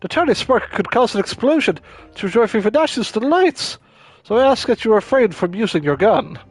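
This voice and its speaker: A man's voice: fairly high pitch, fairly even intonation, normal speed, fairly bright tone, no room sound, natural voice. A man voicing a fussy, self-assured male investigator from a game, in a put-on accent with stilted formal delivery. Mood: cautious.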